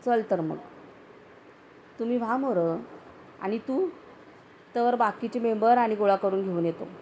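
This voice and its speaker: A woman's voice: fairly high pitch, unhurried, darkish tone, a little hiss or hum, lightly acted. Woman playing a sleepy grumbling blacksmith. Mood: drowsy grumbling. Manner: gruff, drowsy rural speech. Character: sleepy grumpy male village blacksmith.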